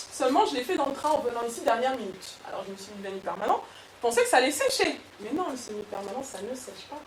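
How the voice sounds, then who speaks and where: A woman coach giving a lively motivational workshop talk to an audience, with frequent restarts. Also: fairly high pitch, a little fast, slight background noise. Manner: lively, animated, with many restarts. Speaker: personal development coach. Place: event room with an audience. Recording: echoey room, far from mic.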